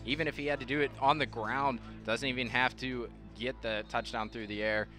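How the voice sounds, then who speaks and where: A man's voice: mid-range voice, steady tone, brisk, music in the background. A young American man giving live football analysis as a color commentator.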